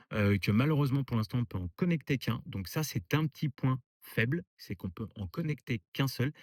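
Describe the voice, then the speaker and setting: Man, casual reviewer, hesitant delivery, dry close sound, mid pitch. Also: dry recording. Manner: relaxed, hesitant with frequent filler pauses. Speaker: car accessory reviewer. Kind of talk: casual product demo and review.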